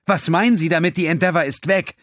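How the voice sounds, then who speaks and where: A man's voice: fairly high pitch, fast talker, a bit bright, no echo, clean studio sound, voice pushed up, close to an everyday voice. A man voicing an angry female colony president in an audiobook. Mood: shocked. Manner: demanding.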